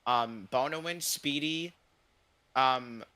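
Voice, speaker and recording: A young man chatting casually in a group, excitable and slangy. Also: mid-range voice, slow, clear, resonant tone. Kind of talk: casual group commentary chat. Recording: faint music behind voice. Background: music.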